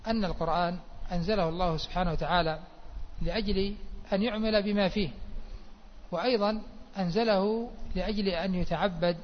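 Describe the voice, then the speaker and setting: Male religious teacher with a high voice, unhurried and methodical, reads a passage and then explains it, recorded dull and muffled in a reverberant mosque hall. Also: a little hiss or hum. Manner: reads a line then explains it slowly with pauses. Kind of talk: mosque lesson explaining a text.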